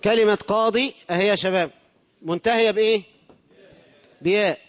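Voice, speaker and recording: Egyptian male teacher with a high voice, quizzing the class and answering his own questions. Dull lo-fi recording with a long hall echo. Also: fairly even intonation, a little fast. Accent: Egyptian Arabic. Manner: asks the class questions and answers them himself. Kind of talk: grammar lesson to a class.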